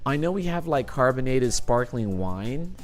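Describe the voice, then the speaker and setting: A young adult man streaming, chatting casually with his viewers and telling animated stories, acting out his friends' lines and swearing freely. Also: mid-range voice, measured pace, faint music behind. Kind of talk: casual chat to live chat.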